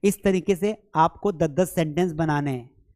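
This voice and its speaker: A man's voice: a little high, measured pace, a little mellow. A man with an Indian accent, a Hindi speaker, giving a chatty, teasing online English lesson, his voice strained from an hour of talking. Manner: chatty, teasing, addresses students as beta. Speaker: spoken English teacher. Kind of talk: live online lesson, playful lecturing.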